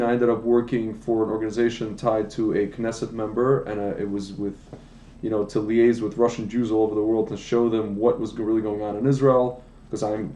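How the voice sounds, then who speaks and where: A mid-range, mellow male voice sounds reverberant in an indoor room. He is a wine business founder from the United States, late thirties, appearing on a livestream podcast and casually rambling about his life with many restarts and asides.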